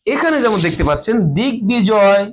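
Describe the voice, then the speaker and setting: High-voiced man teaching a grammar lesson. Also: expressive, slight background noise. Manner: explains slowly, repeats each rule and example words. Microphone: phone or camera in front of a board.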